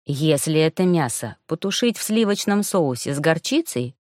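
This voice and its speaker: A woman's voice: low voice, lively intonation, moderate pace, a little mellow, no room sound, pitched below the performer's own voice. Audiobook: woman as a bashful male student, hesitant, dry booth. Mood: shy. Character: shy young male student. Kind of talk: audiobook character voice.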